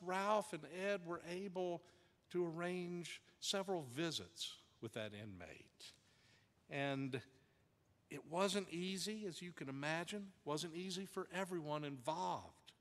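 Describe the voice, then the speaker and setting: A male pastor telling a story in a sermon, dramatic, with hushed drops and shifting pace. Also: sits high, lively intonation, takes it slowly, long reverb tail. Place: church sanctuary.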